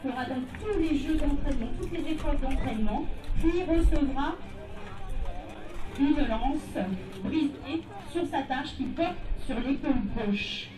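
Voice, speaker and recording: A woman announcing a live medieval tournament show, proclaiming in short phrases with pauses between them. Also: high voice. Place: outdoors at a castle tournament ground. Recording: roomy, distant PA sound with crowd noise.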